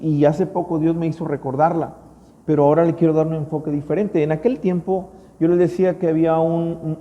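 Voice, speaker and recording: Mexican man pastor, sermon storytelling, mellow dark voice, fairly high pitch, long church reverb. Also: muffled recording. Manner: storytelling preacher, rising to emphatic peaks.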